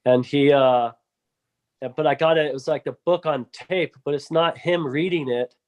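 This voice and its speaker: A man's voice: fairly high pitch, normal speed, a little mellow. A man chatting casually on a podcast, rambling with many restarts and fillers. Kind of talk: casual chat.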